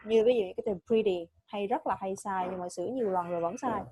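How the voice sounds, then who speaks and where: A woman's voice: medium pitch, fast, warm tone, husky. A woman with a Vietnamese accent teaching English pronunciation, repeating words and correcting a student patiently. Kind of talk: online pronunciation lesson.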